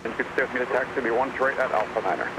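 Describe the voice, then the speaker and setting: A man heard over an air traffic radio feed, his voice gravelly and quick as he rattles off clipped taxi instructions. The feed sounds distant, with steady noise hissing underneath. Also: mid-range voice. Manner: clipped rapid radio phraseology. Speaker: air traffic ground controller.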